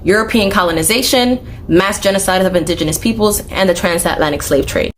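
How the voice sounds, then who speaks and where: A woman giving critical commentary in a sharp, sarcastic and articulate voice. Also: medium pitch, brisk, a little hiss or hum.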